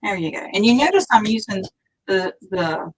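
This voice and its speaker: During a live craft tutorial, a woman stamps while chatting and musing aloud, at times lowering to a near whisper as she works. Her mid-range voice has lively intonation, a moderate pace, and a slightly rough edge, on a rough recording.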